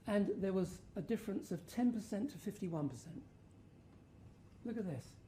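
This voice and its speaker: A woman's voice: medium pitch, lively intonation, normal speed, dark tone, slight background noise. A woman giving an informal research presentation to an audience, using rhetorical questions and emphasis. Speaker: conference speaker.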